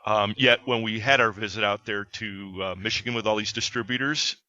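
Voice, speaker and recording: A podcast host with a lowish, bright, forceful voice talks fairly quickly with fairly even intonation. He chats casually and plugs his company in an upbeat way, and the recording has a dull, lo-fi sound.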